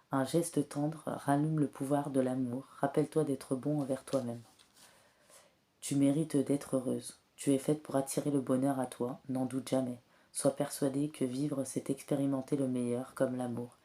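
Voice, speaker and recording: This woman reads tarot and oracle cards, offering spiritual guidance in a rumbling, low monotone. Suffering from a cold, she keeps clearing her throat, and her soft, hesitant delivery is full of filler pauses.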